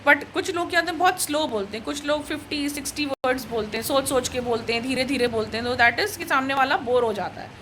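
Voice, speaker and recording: A woman with an Indian accent giving a recorded lecture. She explains points slowly and switches between Hindi and English, often checking with "right?". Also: sits high, fairly bright tone, slight background noise, poor audio.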